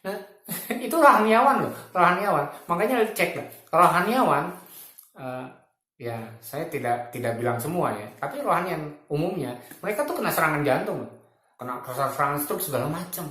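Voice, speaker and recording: A man's voice: a little high, expressive, normal speed, pushed and bright, reverberant. A man in his fifties giving spiritual reflections in a casual, colloquial way, often chuckling as he makes his points. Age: 50s.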